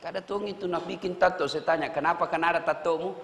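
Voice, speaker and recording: Makassar-accented male preacher, bright high voice, blunt and joking, long hall reverb. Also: fairly even intonation, quick pace, vocal fry. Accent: Makassar Indonesian. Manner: blunt, joking, swings between shouting and low asides. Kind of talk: sermon to prison inmates.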